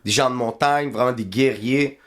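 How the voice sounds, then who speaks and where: A man's voice: mid-range voice, normal speed. A man from northern Iraq, chatting casually as a podcast guest and mixing in English slang. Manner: laid-back, mixes French and English slang.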